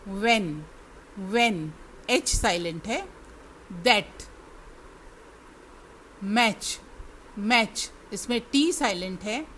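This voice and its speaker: A woman's voice: mid-range voice, expressive, drawn-out words, long pauses, fairly bright tone, a little hiss or hum. An Indian woman teaching English to students, spelling words letter by letter and repeating each one. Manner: addresses students directly. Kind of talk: classroom lesson spelling words aloud.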